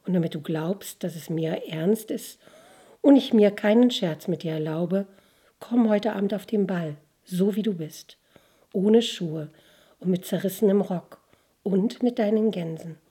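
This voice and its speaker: A woman's voice: medium pitch, a little slow, mellow, breathy edge. A woman voicing a handsome young nobleman in a fairy tale, who speaks earnestly and tenderly.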